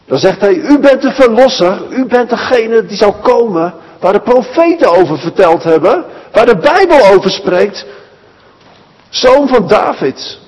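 A male preacher tells a Bible story to children, speaking to them directly. His voice sits fairly high and swings widely in pitch, with a husky edge. A long hall reverb carries his words around the church. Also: a little mellow. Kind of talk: children's sermon.

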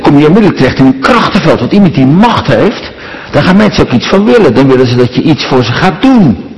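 A man's voice: medium pitch, a little mellow. A middle-aged man from the Netherlands preaching a sermon, earnest and rhetorical, often tagging on questions. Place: church. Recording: long reverb of a large church.

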